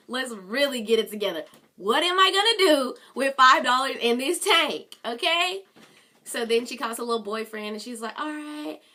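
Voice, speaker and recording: A young woman telling an exasperated, animated storytime vlog full of slang. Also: on the high side. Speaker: vlogger.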